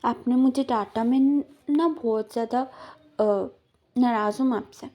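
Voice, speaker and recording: A woman's voice: a little high, measured pace, dark tone. A woman doing a sulky young man. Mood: pleading. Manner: pleading, sulky.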